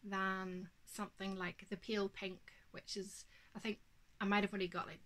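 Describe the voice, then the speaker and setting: Mid-range, level and a bit bright, the voice belongs to a Northern Irish knitting podcast host in her thirties. Indoors in her home craft room, she chats about her knitting in an easygoing show-and-tell, with many ums and a slight hay-fever snuffle.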